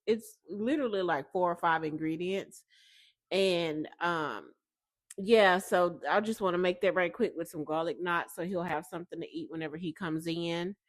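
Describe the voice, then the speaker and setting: Chatty Southern woman, slightly low voice. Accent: Southern American. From Southern United States. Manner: chatty, rambling, relaxed asides. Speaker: vlogger. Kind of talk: casual vlog chat.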